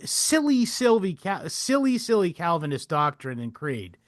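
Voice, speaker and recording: A young adult man co-hosting a casual history podcast, rambling and animated, swearing and laughing often. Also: high-pitched, measured pace, no echo, studio quality. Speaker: podcast co-host.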